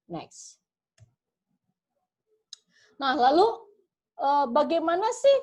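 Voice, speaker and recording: A woman news anchor with an Indonesian accent giving a public speaking lecture, animatedly demonstrating flat versus energetic delivery with mock news reports. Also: high-pitched.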